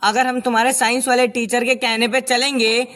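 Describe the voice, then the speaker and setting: Folksy village father played by a woman, money-minded farmer, calling out in an amateur street play, fairly high. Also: flat delivery, brisk, a bit bright, lightly acted. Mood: insistent.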